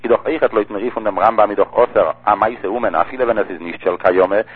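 A man with a husky, somewhat low voice rattles through a religious law lesson at a fast clip. He keeps circling back to repeat key phrases as he explains. The sound is thin and tinny, like a phone line. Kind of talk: text-study lesson.

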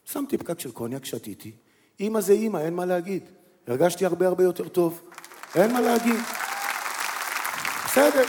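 A middle-aged man with a high voice performs stand-up, spinning a long comic tale. He jumps between his own voice and quick impressions of the people in the story, his pitch leaping up and down as he goes. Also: some chatter behind. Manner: animated storyteller acting out quoted voices with big pitch swings. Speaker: stand-up comedian.

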